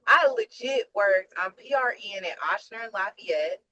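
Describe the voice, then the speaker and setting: A woman's voice: mid-range voice, expressive, moderate pace, sharp tone, muffled recording. A woman, a nurse on a webinar call, venting frankly and emphatically about how tired she is. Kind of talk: casual venting on a video call.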